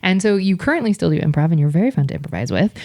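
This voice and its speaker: A woman's voice: on the low side, big pitch swings, racing, a crowd in the background. A woman hosting an interview in a chatty way and putting questions to her guest. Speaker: podcast host. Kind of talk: casual interview chat.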